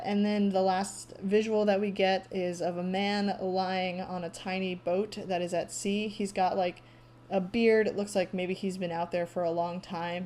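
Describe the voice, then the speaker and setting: A woman casually recapping a trailer on her own, pausing often with ums and thinking aloud. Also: medium pitch, a little mellow, a little hiss or hum. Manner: frequent ums, halting, thoughtful. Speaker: vlogger recapping a movie trailer.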